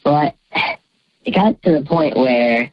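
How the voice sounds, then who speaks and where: A male caller whose voice is warped by a voice changer comes through a dull, muffled phone line with a dry, close sound. He speaks hesitantly, with many fillers, at an ordinary pitch. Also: lively intonation, slow pace, dry recording. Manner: hesitant, full of "um" and "like". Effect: voice changer disguising his voice. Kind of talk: telling a confession on a call-in show.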